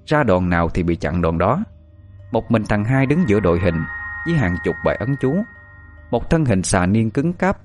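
Low-voiced man narrating a tense tale. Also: a little mellow. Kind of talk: first-person horror story narration.

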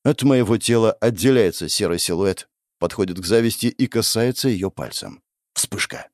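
A man's voice: fairly low pitch, moderate pace, no room sound. Man narrating a dramatic audiobook. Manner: expressive, lively first-person storytelling. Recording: dry close mic, faint background music.

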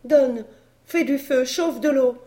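A reader voicing a steady-nerved wife and mother who gives urgent orders during a night emergency, in an audiobook. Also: sits high, slow pace, pitched above the performer's own voice. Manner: urgent commands.

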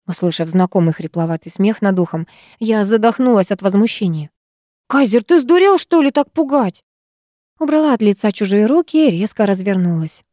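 Woman reading a first-person story, mellow warm tone, dry close sound, expressive. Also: mid-range voice, no echo. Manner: lively, expressive reading with sharp dialogue. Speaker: audiobook narrator. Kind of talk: first-person audiobook narration.

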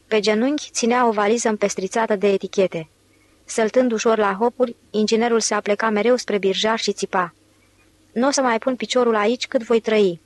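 A woman reading a novel aloud in steady, measured literary narration. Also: mid-range voice, no echo. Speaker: audiobook narrator.

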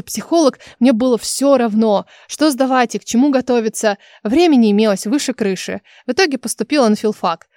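A woman's voice: fairly high pitch, a little mellow, no room sound, clean studio sound. A woman reading a first-person audiobook with a wry, self-mocking manner. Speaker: audiobook narrator.

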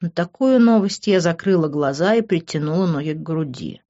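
A woman's voice: low voice, normal speed. Woman reading a novel, dull lo-fi sound. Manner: expressive, emotional reading. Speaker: audiobook narrator. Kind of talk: first-person novel narration. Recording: dull lo-fi recording.

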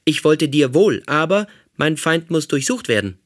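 A man's voice: on the high side, sing-song, normal speed, pitched above the performer's own voice. A man voicing a hostile male robot soldier who speaks in a stiff, accusing, menacing way.

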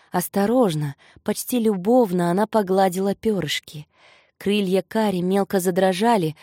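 A woman narrating an audiobook in a measured, even pace. Her voice is mellow and soft-edged, recorded close and dry with no room sound. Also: medium pitch, no echo. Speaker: audiobook reader. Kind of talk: scripted narration.

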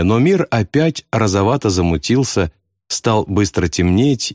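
Male audiobook narrator, dramatic and expressive, lively pitch, dry close sound. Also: no echo. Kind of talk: scripted narration.

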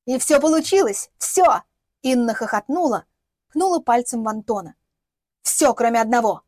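A woman's voice: fairly high pitch, lively intonation, moderate pace, darkish tone, dry recording, clean studio sound. A woman voicing a bitter, defiant young woman who sneers and speaks vehemently, in an audiobook.

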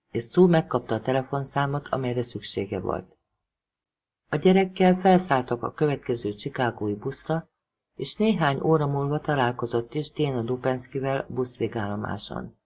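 A narrator from Hungary reading a thriller novel aloud in an expressive audiobook style. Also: mid-range voice, dull audio.

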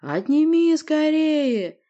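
A woman voicing a menacing male tentacled monster who barks slow, growling orders in an audiobook. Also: sits high, big pitch swings, dark tone, lo-fi sound, voice pushed up, exaggerated voice. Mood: shouting. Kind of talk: audiobook character voice.

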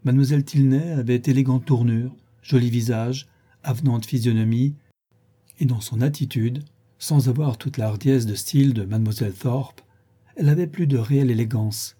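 Dark husky male audiobook narrator. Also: mid-range voice, normal speed. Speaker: audiobook reader. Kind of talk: scripted narration of a classic novel.

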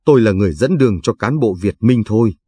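A man's voice: lowish voice, lively intonation, fast talker, dark tone, slightly rough, no echo. A man reading aloud, voicing a modest, polite young guide.

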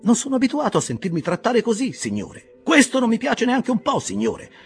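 A man voicing an excitable, hot-headed ship's mate who protests in loud, agitated bursts. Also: high-pitched, moderate pace, creaky, soft background music, pitched above the performer's own voice, heavily acted. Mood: indignant.

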